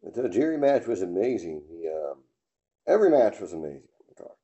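Man in his garage, host of a casual solo podcast, low mellow voice, rambling and cussing, dull lo-fi sound. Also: very animated, a little fast, husky. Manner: rambling, laid-back, swears casually, many fillers. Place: home garage.

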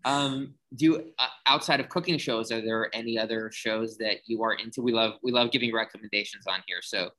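A man's voice: medium pitch, steady tone, brisk, few pauses, pushed and bright, poor audio. A man hosting a podcast, chatting casually and laughing easily with a guest. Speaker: podcast host. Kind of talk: casual interview chat.

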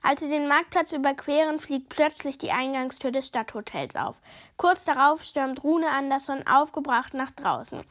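High-voiced woman reading a storybook. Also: lively intonation, normal speed. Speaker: audiobook narrator. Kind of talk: scripted storybook narration.

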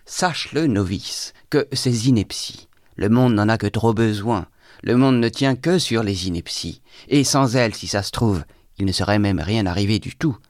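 A man's voice: lowish voice, normal speed, no echo, studio quality, lightly acted. A man reading aloud, voicing a bitter young intellectual who talks in a feverish, exalted monologue.

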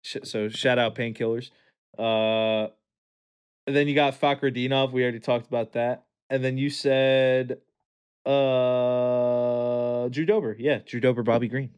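A man's voice: medium pitch, little pitch movement, a little slow, smooth. Laid-back male podcast co-host. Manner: laid-back, chuckling, joking asides. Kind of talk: casual chat about fighting.

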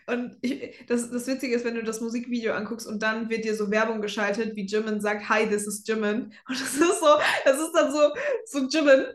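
A young woman with a fairly high voice chats casually as a podcast co-host. She mixes English words into her German as she talks. The recording is roomy, with clear echo around her voice. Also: a little fast, hardly any pauses. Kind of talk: casual fan chat. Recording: roomy, echoey sound.

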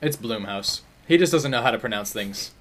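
Man, podcast co-host, sharp bright tone, sarcastic teasing. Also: mid-range voice, animated, normal speed. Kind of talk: casual comic book discussion.

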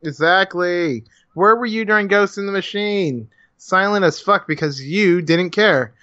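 Co-host, male, slightly high voice, blunt and swearing, dry lo-fi recording. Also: a little slow, sharp tone, no room sound. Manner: blunt, profane, heated. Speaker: podcast co-host. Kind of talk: casual podcast chat. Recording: dry, dull lo-fi sound.

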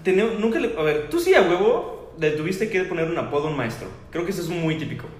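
Fast-talking Mexican guy, higher voice. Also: sing-song. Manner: quick banter, slangy interjections. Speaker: podcast co-host. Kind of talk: casual podcast chat. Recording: echoey room.

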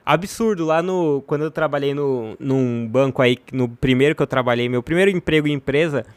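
A man's voice: mid-range voice, fairly quick, no echo. A young man, co-hosting a podcast in a joking, teasing casual way. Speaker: podcast co-host.

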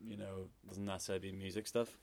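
Relaxed, rambling musician, low voice. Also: male voice, fast, gravelly, a little hiss or hum. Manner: relaxed, hesitant, many fillers. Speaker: musician guest. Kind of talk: casual interview chat.

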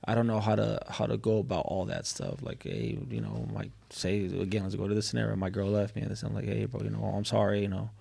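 A man's voice: fairly low pitch, little pitch movement, fast talker, creaky, few pauses, warm tone, slightly rough. A man hosting a podcast, talking casually and laid-back, with slang and lots of "bro". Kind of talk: casual chat.

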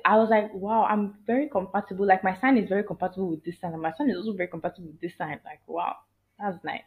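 A young woman with a mid-range voice talks fast as a guest on a podcast, chatting casually. She's an animated storyteller who acts out her own reactions and often quotes herself, all captured on dull lo-fi audio.

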